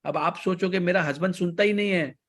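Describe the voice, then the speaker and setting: A man's voice: high voice, a little fast, fairly bright tone. Indian man coaching a class. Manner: varies pace and volume on purpose, mixes Hindi and English. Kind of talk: online class talk.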